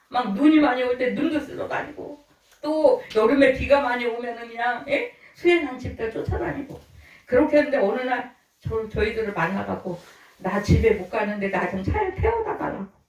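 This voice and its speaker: A woman's voice: on the high side, normal speed, distant mic. Woman pastor telling stories in a roomy church. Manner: lively storytelling, acts out quoted voices, laughs often. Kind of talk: storytelling sermon. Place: church hall.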